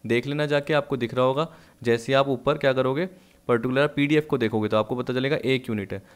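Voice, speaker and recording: Man, teacher, recorded lesson, clear resonant voice, step-by-step explaining. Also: medium pitch, steady tone. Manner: explains step by step, reads English textbook lines slowly.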